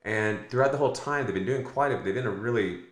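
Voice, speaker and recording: A man's voice: medium pitch, quick pace, reverberant. An American man co-hosting a casual podcast, rambling and correcting himself with lots of fillers. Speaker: podcast co-host.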